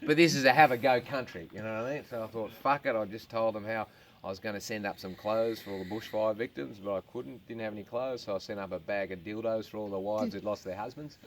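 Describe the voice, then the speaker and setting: A man's voice: fairly low pitch, fast. Australian man, crude stand-up comedian, swearing, crowd laughing around him. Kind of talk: crude storytelling to a small crowd. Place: outdoors at a farm with a live audience.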